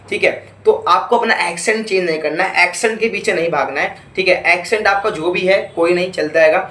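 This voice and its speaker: High-voiced man teaching, echoey room. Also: fairly bright tone. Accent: Indian. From India. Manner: keeps asking rhetorical questions and checking with "okay?"; mixes in short English phrases. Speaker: English teacher. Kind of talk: YouTube lesson.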